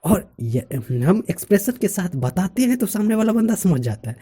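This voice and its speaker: Husky-voiced man chatting to camera. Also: sits high, very animated, normal speed, warm tone. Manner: chatty, laughs now and then, stresses example phrases. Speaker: vlogger. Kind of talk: casual explanatory monologue.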